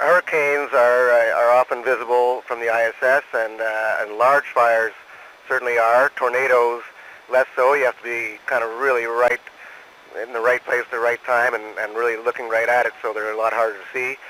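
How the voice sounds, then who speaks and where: Halting man over noisy space radio. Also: mid-range voice, flat delivery, pushed and bright. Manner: halting, saying "over" after each answer. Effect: space radio transmission. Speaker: astronaut answering school questions. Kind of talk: unscripted question-and-answer over radio. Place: aboard the space station.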